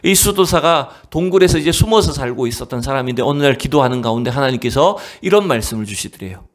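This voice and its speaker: A man preaching a sermon as pastor of a church. He tells a story dramatically, asks the congregation rhetorical questions, and swings between raised exclamations and hushed near-whispers. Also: mid-range voice, expressive, fast. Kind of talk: Wednesday evening sermon. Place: church sanctuary.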